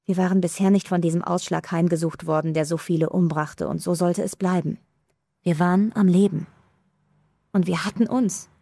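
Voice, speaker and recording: A woman reading a first-person story as an audiobook narrator, calm, measured and somber. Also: lowish voice, vocal fry, no echo, clean studio sound.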